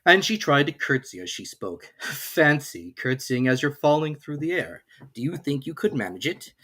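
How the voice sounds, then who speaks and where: A narrator reading a classic children's story aloud in an expressive storytelling style. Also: mid-range voice, normal speed, slightly rough. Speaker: audiobook narrator.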